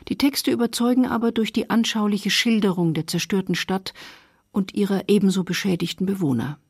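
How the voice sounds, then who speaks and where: A woman narrating a radio feature in a measured, factual way. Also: medium pitch, a little mellow, slightly rough, no echo, studio quality. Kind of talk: scripted narration.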